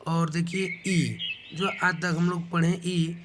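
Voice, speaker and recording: A man's voice: a little high, little pitch movement, takes it slowly, noisy background. Patient male teacher, birds behind. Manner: patient, repeats each letter and its sound. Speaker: English teacher. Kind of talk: slow spoken lesson. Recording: clear bird sounds in background.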